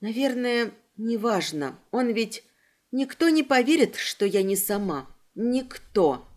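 A woman's voice: on the high side, sing-song, slow pace, darkish tone. A woman reading voicing a frightened, weeping young woman who pleads and sobs. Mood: fearful. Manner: sobbing, pleading, breathless fear.

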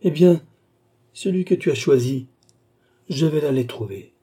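A man's voice: fairly high pitch, animated, a little slow, dark tone, breathy edge, pitched above the performer's own voice. A man voicing a furious, honor-bound young nobleman in a classic novel read aloud, declaiming his accusations and pleas. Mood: imploring. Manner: declamatory, wrathful then imploring.

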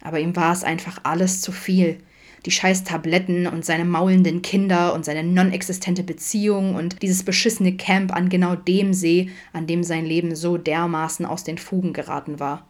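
Lower-voiced woman reading a story. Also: normal speed. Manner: steady storytelling narration. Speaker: audiobook reader. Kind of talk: reading fan fiction aloud.

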